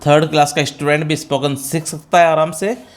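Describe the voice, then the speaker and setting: A man's voice: on the high side, fairly even intonation, brisk. A middle-aged man with an Indian accent, teaching spoken English step by step, calling students "beta" and answering his own questions. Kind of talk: classroom-style spoken English lesson.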